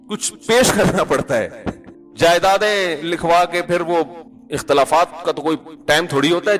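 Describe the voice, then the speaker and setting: A man's voice: fairly high pitch, fairly bright tone. Chatty, teasing male preacher. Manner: chatty, teasing, asks listeners for agreement; quotes scripture in Arabic. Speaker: mufti, Islamic preacher. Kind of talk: sermon.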